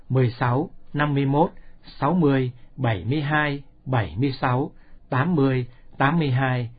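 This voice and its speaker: A man reading a scripture study text aloud in a steady, measured way, reciting long lists of numbers evenly. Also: medium pitch, breathy edge. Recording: dull lo-fi recording.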